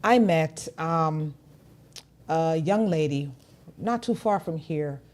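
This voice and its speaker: A middle-aged woman from Jamaica co-hosts a talk show, telling stories with lively, animated energy. Her voice sits slightly low. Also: takes it slowly. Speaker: co-host. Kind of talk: casual interview talk.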